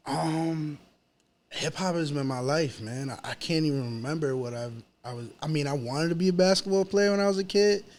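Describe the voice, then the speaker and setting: A man in his early thirties from Chelsea, Manhattan, New York, speaks with a New York accent in a slightly high, darkish voice at normal speed. Being interviewed as a rapper, he chats casually and slangily, dropping "you know" often.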